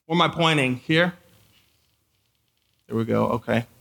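Born in Haiti and brought up in Michigan, an American man preaches to teens as a guest camp speaker, keeping it conversational with repeated phrases and questions for his listeners. His medium-pitched voice is creaky and a bit bright, moving at a measured pace.

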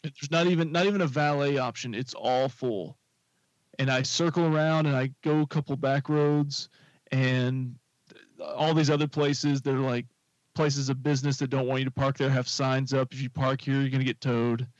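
A man spins a long, rambling story in a casual chat, with plenty of fillers and restarts. His voice sits at an ordinary middle pitch. The recording is dry and a little dull and lo-fi. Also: moderate pace, no room sound. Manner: rambling, animated anecdote with fillers. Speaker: podcast co-host telling a story.

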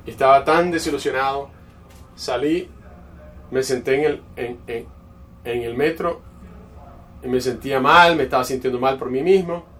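A man's voice: mid-range voice, normal speed, long pauses, fairly bright tone. A man preaching a sermon in a conversational storytelling way, often restarting his phrases. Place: church. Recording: distant mic with faint background noise.

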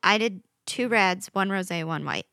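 Podcast co-host, woman, bright with vocal fry, bubbly, dry mic. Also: mid-range voice, moderate pace, dry recording. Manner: bubbly, laughs often, many fillers. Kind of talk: casual chat.

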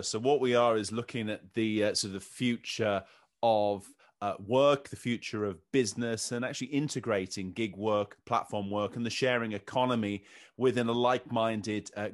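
A man speaking as a podcast guest, talking in a hesitant way with many fillers and restarts. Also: lowish voice. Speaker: podcast guest, trade association founder. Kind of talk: casual interview talk. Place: based in Scandinavia.

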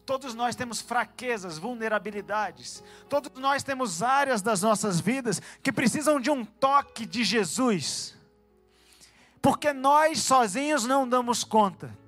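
A man preaching a fervent sermon in a church, swinging between calm teaching and loud, shouted exhortations, with quick asides to people in the room. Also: very high-pitched, faint music behind. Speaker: pastor.

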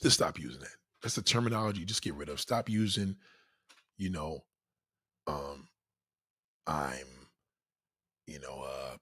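Husky-voiced New man ranting. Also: low voice, dry recording, clean studio sound. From New York. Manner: blunt, profane, animated street talk. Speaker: streamer reading viewer comments. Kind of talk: casual live-stream rant.

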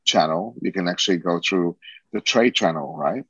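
A man's voice: low voice, moderate pace, fairly bright tone, slightly rough, no echo. A man, talking casually as an interview guest in a rambling way with many restarts. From Australia. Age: 40s. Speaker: guest, social entrepreneur. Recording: dull lo-fi sound.

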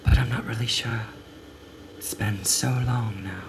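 A man voicing a desperate young woman client who talks in a hushed, halting whisper in a comedic audio drama. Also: mid-range voice, steady tone, background noise, lightly acted. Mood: wistful pleading.

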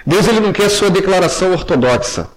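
A young man delivers a sermon in an earnest tone. His voice sits high for a man. He often sinks low and soft when he turns to address the congregation. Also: lively intonation, fast talker, low-quality recording. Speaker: preacher.

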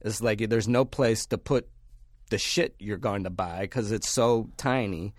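A man with a fairly low voice tells stories from his past in a loose, rambling way. He leans hard on fillers and swears freely. The sound is close and dry, with no room around it. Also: unhurried, no echo. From Pennsylvania, United States. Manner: rambling, heavy use of fillers, blunt and profane. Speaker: podcast guest. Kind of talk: casual storytelling.

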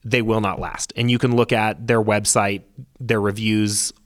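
A man's voice: on the low side, level tone, a little slow. A man co-hosting a podcast, giving detailed, methodical explanations in casual talk. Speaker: podcast co-host.

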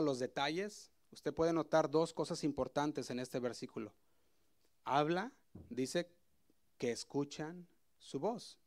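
A man preaching a sermon in a conversational way, often asking the congregation questions and hesitating as he explains. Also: on the high side. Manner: asks the congregation frequent questions.

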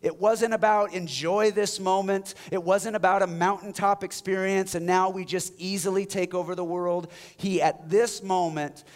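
A man's voice: sits high, steady tone, normal speed, few pauses. Passionate man preaching a sermon. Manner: passionate, wide swings from loud exhortation to hushed near-whisper. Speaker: pastor.

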